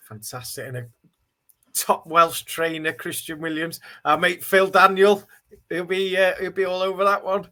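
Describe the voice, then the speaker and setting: A man's voice: sits high, steady tone, a little slow, bright, forceful tone. A man hosting a casual racing tips chat, upbeat and steering the talk. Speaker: show host.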